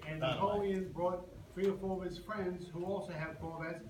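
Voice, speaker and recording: Recorded from a distance in a big, echoey room full of people, an older Brooklyn man who owns a business talks casually to customers, rambling and cracking jokes with stops and restarts. His voice is high-pitched with fairly even intonation, and the audio is noisy.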